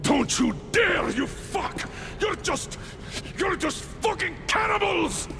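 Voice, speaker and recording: An enraged gravelly colonel. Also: male voice, very high voice, sing-song, takes it slowly, in a large hall, slight background noise, exaggerated voice. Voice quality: gravelly, shouting. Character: furious captive male military colonel. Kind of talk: video game voice acting.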